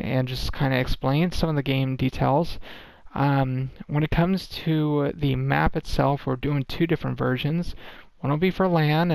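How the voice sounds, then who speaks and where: A man's voice: medium pitch, gravelly, a little mellow, dry recording. A tired man giving a casual, rambling game development update, full of ums and restarts. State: tired, worn-out voice.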